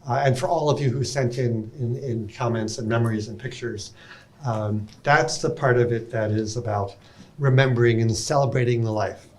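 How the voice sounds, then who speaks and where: A man's voice: mid-range voice, moderate pace. A man losing his voice, giving a rambling, informal welcome talk into a handheld microphone in a conference room. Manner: warm, rambling, many ums and restarts. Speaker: session speaker at an alumni reunion.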